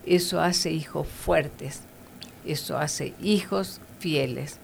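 A woman's voice: sits low, slow pace, gravelly, a little hiss or hum. A woman giving earnest, conversational Bible teaching, with fillers and tag questions.

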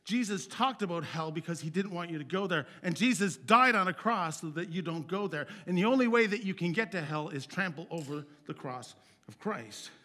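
A male pastor preaching a sermon in an earnest, conversational way, swinging from loud emphatic peaks to quiet, low phrase endings. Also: expressive, brisk.

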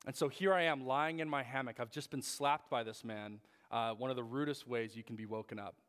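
A young man preaches a sermon in a hall with a long, ringing reverb. His pitch sits mid-range for a man, and he tells his story with many fillers and restarts. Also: steady tone, brisk, fairly bright tone, clean tone. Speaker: pastor.

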